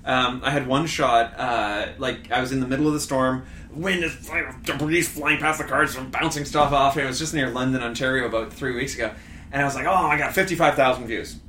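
Bright animated man telling stories. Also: medium pitch, brisk, reverberant, a little hiss or hum. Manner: animated storyteller with many restarts and fillers. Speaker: storm chaser, guest. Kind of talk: casual podcast chat.

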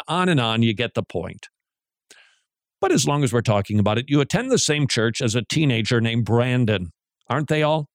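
A man hosting a talk radio show, joking and animated, who often restarts his sentences. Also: mid-range voice, no echo, studio quality.

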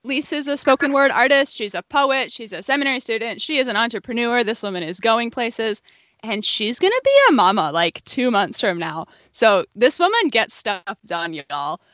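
A woman's voice: on the high side, sing-song, normal speed, fairly bright tone, no room sound. A woman hosting a podcast, enthusiastic and affirming, chatting casually with her guest. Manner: enthusiastic, affirming with frequent "mm-hmm". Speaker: podcast host. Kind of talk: casual interview chat. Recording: dry, slightly lo-fi podcast audio.

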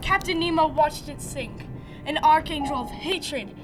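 A woman's voice: sits high, lively intonation, unhurried, far from the mic, background noise. A woman playing an earnest, awestruck professor who narrates a sea voyage in a dramatic, wondering radio theatre style. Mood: grave.

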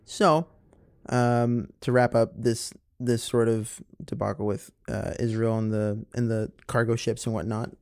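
A man's voice: medium pitch, steady tone, a little slow, darkish tone. A man co-hosting a podcast, talking in a casual, rambling way with many fillers and restarts. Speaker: podcast co-host. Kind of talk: casual chat.

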